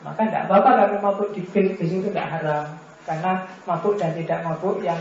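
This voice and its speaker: A man's voice: high voice, steady tone, fast talker, slight background noise. A man giving an informal philosophy lecture, conversational and teasing, full of rhetorical questions. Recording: very echoey, dull lo-fi room recording.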